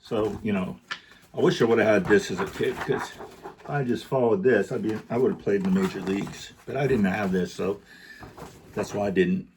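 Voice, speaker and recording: A middle-aged man vlogging about collectibles, relaxed and joking, sometimes talking while chewing candy. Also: on the low side, moderate pace, a little hiss or hum. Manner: relaxed, joking, rambling with fillers. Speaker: card collecting YouTuber. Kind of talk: casual vlog, showing gifts to camera.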